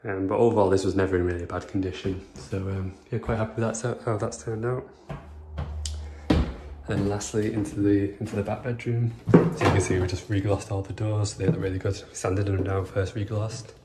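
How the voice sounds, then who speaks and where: A man in his twenties with a lowish voice talks briskly and flatly through a chatty, rambling house-tour vlog full of fillers. He's a property renovation vlogger filming indoors in an empty house under renovation, first holding his phone camera and then propping it up. The bare rooms echo, and there's heavy background noise.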